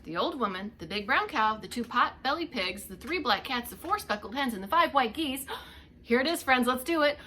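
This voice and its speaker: In a high, somewhat bright voice, a woman reads a story to little children the way a preschool teacher would. She speaks straight to her audience and draws out the action words dramatically.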